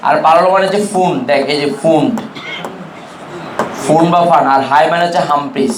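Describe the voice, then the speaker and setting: Male chemistry teacher, Chittagong Bengali accent, higher pitch, quizzes the class, echoey classroom. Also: brisk, noisy background. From Bangladesh. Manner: drills students with call-and-response questions and mnemonics. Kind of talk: classroom lecture.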